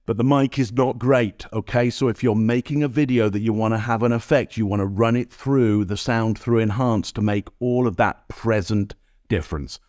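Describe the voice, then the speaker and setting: A man with a slightly low voice runs a brisk tutorial straight to camera, speaking as a body language expert. He is recorded on an expensive studio microphone with a dry, close sound and no room echo. He keeps pulling the viewer in with an "okay?". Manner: energetic, addresses viewer directly, frequent "okay?" tags. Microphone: high-end studio microphone.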